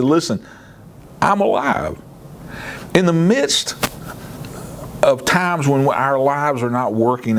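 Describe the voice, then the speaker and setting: A man pastor teaching a Bible lesson in a sermon style, earnest, often repeating words as he starts a phrase and lifting his voice to stress a point. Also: mid-range voice. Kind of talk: sermon teaching through scripture.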